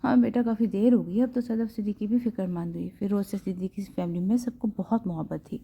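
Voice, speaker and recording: A woman's voice: mid-range voice, steady tone, gravelly, warm tone, breathy edge. A young woman narrating a romance novel aloud and giving each character a voice in the dialogue. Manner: acts every character in dialogue.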